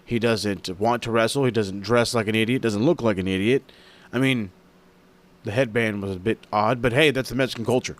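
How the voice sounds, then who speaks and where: A young man hosting a wrestling review show, recapping in a rambling, excitable way and swearing freely. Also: on the low side, a little fast. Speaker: wrestling review podcast host. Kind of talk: casual profane recap.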